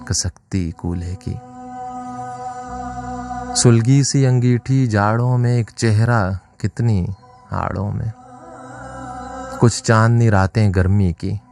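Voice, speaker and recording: A man reciting a nostalgic poem slowly, with long lingering pauses. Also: lowish voice, creaky, a little mellow. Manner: slow, lingering, wistful recitation. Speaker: poetry reciter. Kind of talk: slow poetry recitation over music. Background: music.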